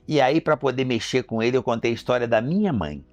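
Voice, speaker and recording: A middle-aged man with a Brazilian Portuguese accent recounts a personal story with deep feeling, slipping into the voices of the people in it. His voice sits at an ordinary pitch and is recorded dry and close, with soft music underneath. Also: quick pace, no room sound, muffled recording. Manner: emotional, acts out remembered dialogue. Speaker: entrepreneur.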